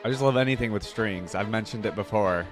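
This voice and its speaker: Hosting a casual reaction video, a man rambles chattily with many fillers and restarts. His voice is lowish and a little fast, with faint music playing in the background.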